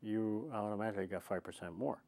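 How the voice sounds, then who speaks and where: A man's voice: lowish voice, quick pace, darkish tone, slight background noise. An older man with an Irish accent, chatting in a rambling storyteller's way as he reminisces in an interview. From Ireland. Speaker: oral history interviewee. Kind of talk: conversational reminiscence.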